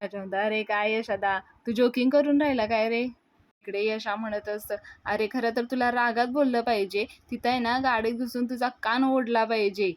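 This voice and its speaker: A woman's voice: on the high side, moderate pace, dry recording. A woman retelling a TV serial episode, acting out the characters' lines as she goes. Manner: lively retelling, her voice rising for each quoted character's line.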